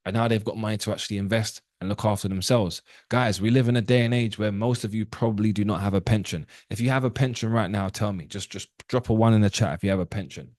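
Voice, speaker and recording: A man's voice: on the low side, fast, few pauses, darkish tone, no echo, clean studio sound. A man in his thirties teaching trading on a live call, casual and direct, often asking his viewers questions. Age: 30s. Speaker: trading educator.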